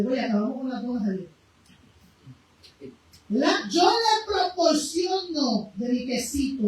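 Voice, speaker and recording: Woman preacher, high voice, gets loud then drops soft, really echoey church, mic kinda far off. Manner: impassioned, swinging between loud cries and quiet low passages. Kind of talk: sermon. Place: church sanctuary. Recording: very echoey room, voice from afar, faint noise.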